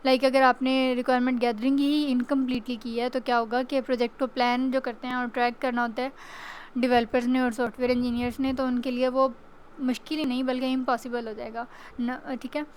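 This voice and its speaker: A woman gives an exam-prep lecture in a high, fairly flat voice. She explains each point step by step and slows right down whenever she reads English slide text. A faint hum of room noise sits behind her. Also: poor audio.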